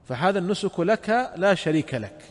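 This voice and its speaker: A man's voice: sits high, expressive. Man teaching in an echoing hall. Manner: measured explanatory delivery, repeats key phrases. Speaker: Islamic scholar. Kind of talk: religious lesson. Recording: long hall reverb.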